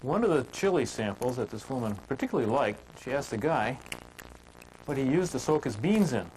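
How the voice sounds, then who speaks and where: A man teaching woodcarving in a relaxed, homespun storytelling manner, chatting with filler words as he works. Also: medium pitch, brisk, a little hiss or hum, poor audio. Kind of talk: folksy storytelling while demonstrating carving.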